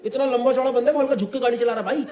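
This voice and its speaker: A young man from Delhi NCR performing an animated stand-up set, chatting directly with a live audience. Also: extremely high pitch, rapid-fire. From Delhi NCR, India. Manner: animated, chatty, keeps addressing the audience as brother. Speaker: stand-up comedian. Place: comedy stage before a live audience. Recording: echoey live venue, crowd noise.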